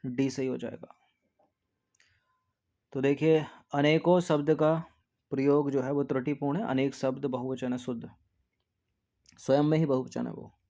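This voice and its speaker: A man teaching an exam practice lesson, repeating words to drill spelling, often dropping to a soft low aside after each answer.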